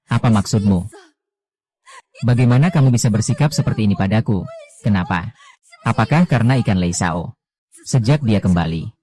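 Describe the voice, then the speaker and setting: A man reading the dialogue of a dubbed drama, voicing every role in one even, low-key delivery. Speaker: voice-over reader of a drama.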